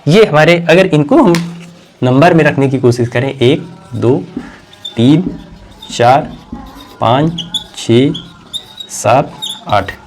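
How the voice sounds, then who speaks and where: A man teaching a grammar lesson who keeps asking questions and answering them himself, repeating key words, and now and then clearing his throat. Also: mid-range voice, animated, slow pace, long pauses, a little mellow, soft background music.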